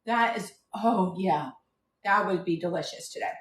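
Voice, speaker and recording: A woman's voice: lowish voice, moderate pace, reverberant, recorded from a distance. A woman hosting a live cooking stream from her kitchen, chatting casually and rambling from one tangent to the next. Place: home kitchen.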